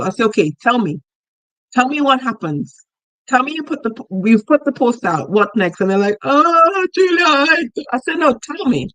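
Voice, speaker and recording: A woman coach teaching casually on a live show, chatty and animated, acting out the voices of the people she quotes. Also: mid-range voice, no echo, rough recording. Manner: chatty, laughs while talking. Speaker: money mindset coach.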